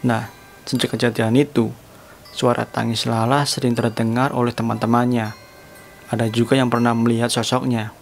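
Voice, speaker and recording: A man voicing a middle-aged landlady who calmly and solemnly recounts a sad past event. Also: mid-range voice, moderate pace, creaky, a little hiss or hum, natural voice. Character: middle-aged woman boarding-house landlady, calm and solemn. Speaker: landlady telling a sad story.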